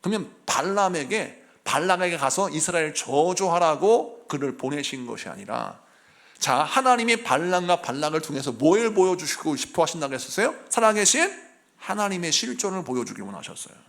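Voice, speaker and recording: A middle-aged man, a senior pastor, preaching a sermon in an animated storytelling way and acting out the people in his stories. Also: on the high side, a little fast.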